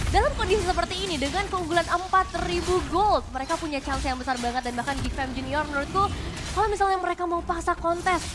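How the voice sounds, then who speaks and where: An Indonesian woman giving live commentary on an esports match. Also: very high voice. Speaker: esports caster. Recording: loud music under the voice. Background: loud music.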